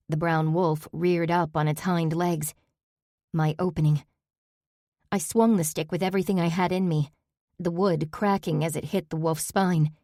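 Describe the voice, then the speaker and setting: A woman narrating a first-person audiobook with a steady, measured reading, recorded on a close studio mic. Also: fairly low pitch, no echo.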